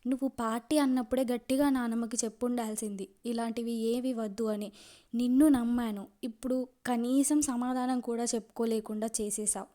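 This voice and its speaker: Woman doing an angry young man in a romance audio story, scolding through a choked, mellow voice, pitched highish. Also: steady tone, fairly quick, lightly acted.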